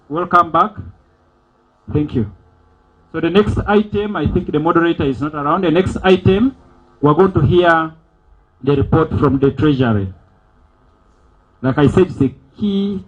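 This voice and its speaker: A man runs a members' meeting as master of ceremonies, repeating and stressing his instructions into a PA microphone. His voice is husky and a little high. The event recording sounds dull and lo-fi. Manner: repetitive, emphatic instructions. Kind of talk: formal announcements to an audience.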